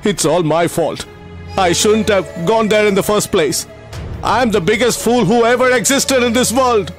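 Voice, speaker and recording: An actor playing a grieving teacher who runs a school for poor children, speaking emotionally and apologetically in a dubbed film. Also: male voice, high-pitched, measured pace, faint music behind. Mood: bitter.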